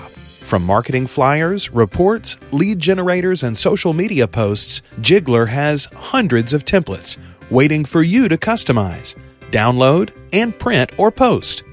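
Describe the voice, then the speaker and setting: A man reading a scripted podcast promo as an announcer. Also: on the high side. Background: music.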